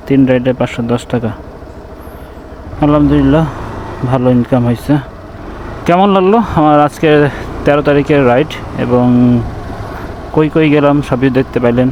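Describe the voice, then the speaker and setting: A man's voice: mid-range voice, darkish tone, low-quality recording. Bangladeshi man vlogging inside a helmet, street noise. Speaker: motorbike ride-share rider and vlogger. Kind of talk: casual vlog chat. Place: outdoors on a motorbike in city streets. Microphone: camera mounted in the helmet. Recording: clear traffic and vehicle noise.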